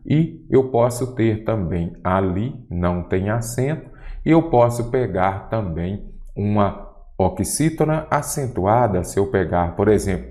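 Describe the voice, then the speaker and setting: A Brazilian man with a fairly low, somewhat mellow voice teaches Portuguese in an online exam-prep lesson. His style is didactic: he poses questions and then answers them himself.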